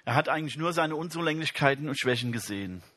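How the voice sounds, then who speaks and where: A man delivering a sermon, his voice somewhat high and strikingly bright. There is a breathy, husky edge to his tone, and the room sounds dry and close. He turns often to his listeners and reads scripture with emphasis. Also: expressive, fast. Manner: addresses the congregation directly, reads scripture aloud with emphasis. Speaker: preacher.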